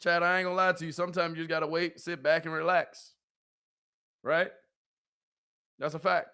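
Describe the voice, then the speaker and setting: This watch-party streamer's voice sits on the high side, with a level tone and normal speed. He's hoarse from all the yelling, yet he talks animatedly to his live chat and keeps repeating his catchphrases.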